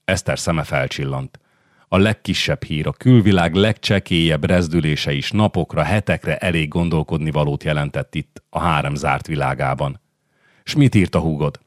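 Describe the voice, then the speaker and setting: A man narrating a historical novel as an audiobook, in a measured, calm way. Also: rumbling low, no echo, studio quality.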